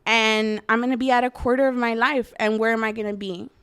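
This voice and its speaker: Twenty-something woman opening up in an interview, reflective, says "like" a lot, smooth voice. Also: fairly high pitch, fairly even intonation, brisk, fairly bright tone. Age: 20s. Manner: earnest, reflective, uses "like" often. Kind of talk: candid personal interview.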